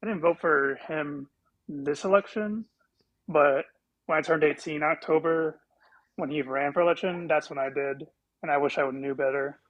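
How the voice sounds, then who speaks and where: A man's voice: fairly high pitch, normal speed, a bit bright, lo-fi sound. A man in his twenties calling in to a live stream, hesitant and stumbling over his words. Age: 20s. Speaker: caller.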